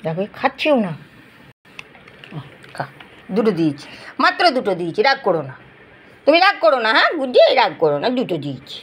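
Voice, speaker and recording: A woman filming her pet dogs, gently coaxing and scolding them in casual talk. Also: mid-range voice, very animated, fairly quick, pauses often, slightly rough. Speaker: pet owner vlogger.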